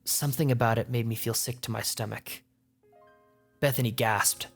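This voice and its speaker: Guy reading a creepy first person horror story, tense measured telling, quiet music under it. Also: mid-range voice, steady tone, gravelly. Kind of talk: scripted first-person narration. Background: faint music.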